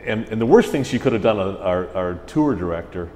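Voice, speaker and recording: A man's voice: on the low side, a little fast. Chatty man in an echoey hall. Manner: chatty, animated, slips into mimicked voices. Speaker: orchestra music director, interview guest. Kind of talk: casual interview storytelling. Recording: roomy hall echo with faint ambient hiss.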